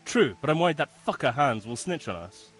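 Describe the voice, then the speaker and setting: Husky, swooping young troublemaker. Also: male voice, mid-range voice, big pitch swings, a little fast, soft background music. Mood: chummy, uneasy. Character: scruffy young male troublemaker, loyal mate. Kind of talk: video game voice acting.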